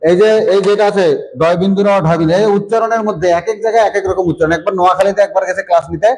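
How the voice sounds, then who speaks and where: A man's voice: high-pitched, racing, a little mellow, poor audio. A man teaching an online grammar class, explaining letters and often checking that students understand.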